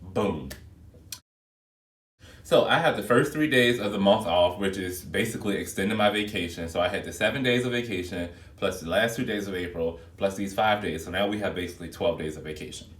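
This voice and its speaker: This flight attendant vlogger has a low, slightly bright voice and talks fairly quickly. He chats to his viewers in a casual, expressive way. The phone mic sits some distance away in a room full of echo.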